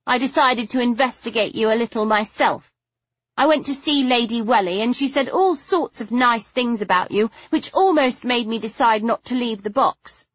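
A woman's voice: a little high, fairly bright tone, no echo, muffled recording, pitched above the performer's own voice. A woman reading an audiobook, voicing a sulky, stubborn young woman who sounds plaintive and scornful. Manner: petulant, spitting, insistent.

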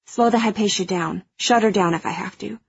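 An actress playing a fierce, protective young hacker aboard a spaceship in an audio drama, speaking with urgent, firm reassurance. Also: female voice, medium pitch, a little fast, gravelly, dull audio, a little hiss or hum, lightly acted.

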